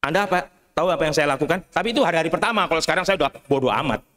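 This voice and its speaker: High-voiced priest telling stories in a sermon. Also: male voice, very fast. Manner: lively storytelling with humorous asides, often calling out to the congregation. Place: cathedral church.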